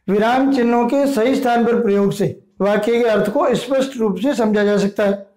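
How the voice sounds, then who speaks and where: A man with a high, mellow voice explains a grammar lesson. He names each term slowly and deliberately, one at a time. The sound is roomy and echoey. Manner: slow, deliberate listing of terms. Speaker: teacher. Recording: echoey room.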